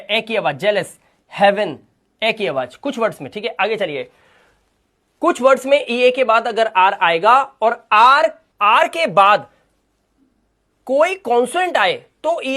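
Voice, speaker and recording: A teacher from India giving a phonics lesson in Hindi, slowly spelling out vowel sounds and repeating example words. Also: medium pitch, fairly bright tone. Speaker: English teacher.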